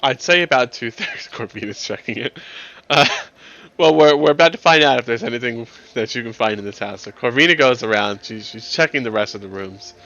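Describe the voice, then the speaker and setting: A man's voice: medium pitch, fairly quick, bright, forceful tone, lo-fi sound. A man running a tabletop game as game master, talking in a rambling, chatty way and laughing often.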